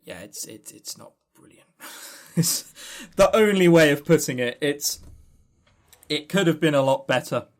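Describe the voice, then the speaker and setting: A man co-hosting a podcast chats casually as he gives reviews, his pitch swinging in a lively way. He's dry and critical, a little slow with frequent pauses, and often stumbles over his first word before starting it again.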